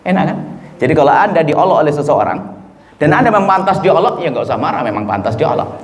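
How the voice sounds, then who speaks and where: A man from Indonesia preaching a lively sermon, acting out the people he quotes and swinging between low murmurs and high exclamations. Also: fast talker. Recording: roomy hall echo, faint ambience.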